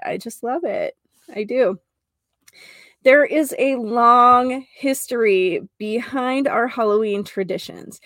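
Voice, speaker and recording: An American woman hosting a casual spiritual show, talking in a gentle mystical healer manner with gushing, drawn-out emphasis. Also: medium pitch, no room sound, clean studio sound. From North Dakota, United States.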